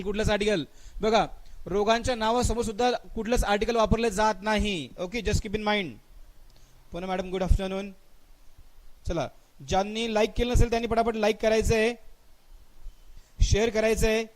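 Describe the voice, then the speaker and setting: A man with a Marathi accent teaching English grammar in a live online class, quizzing students and urging quick answers while drawling out the example sentences. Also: high-pitched.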